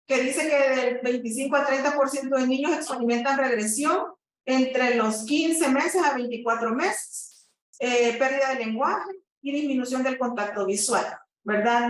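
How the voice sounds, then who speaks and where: Woman, therapist lecturing, explanatory, keeps checking in, distant mic, very echoey room. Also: high-pitched. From El Salvador. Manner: explanatory, frequent "¿verdad?" tags and fillers. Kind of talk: teaching presentation.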